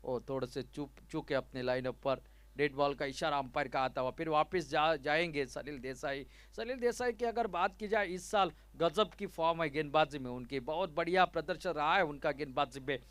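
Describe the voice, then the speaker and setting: A man's voice: a little high, normal speed, a bit bright, smooth, dry recording. A man with an Indian accent giving live ball-by-ball cricket commentary.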